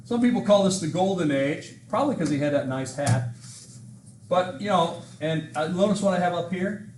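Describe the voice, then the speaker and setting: A middle-aged man teaches a history class in a chatty, self-mocking way, rambling between jokes. His voice is high, lively and darkish at normal speed, picked up by a laptop mic on a lectern in an echoey classroom with background hiss.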